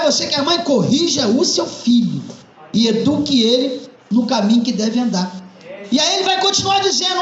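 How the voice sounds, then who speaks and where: A man preaching a fervent sermon as pastor, emphatic and at times shouting. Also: very high-pitched, heavy reverb, dull audio, slight background noise.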